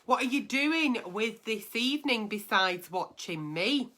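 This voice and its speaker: A woman's voice: a little high, lively intonation, a little slow, sharp tone. A woman hosting a chatty livestream in a campy, theatrical, cheeky auntie manner. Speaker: host of a live online advice show. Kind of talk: chatty livestream, reading out viewers' messages. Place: bedroom at home.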